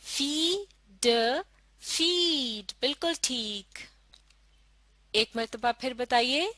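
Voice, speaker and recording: A woman teaching a phonics lesson, sounding out letters slowly and asking questions for children to answer. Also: fairly high pitch, a bit bright, no room sound. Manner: slow, drawn-out sounding of letters with call-and-response questions.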